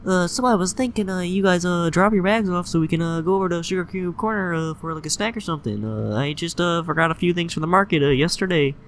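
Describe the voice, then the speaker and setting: A man voicing an excitable young female pegasus pony, halting and full of "uh" fillers, in an amateur fanfic reading. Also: high-pitched, slight background noise, voice pushed up. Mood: hesitant.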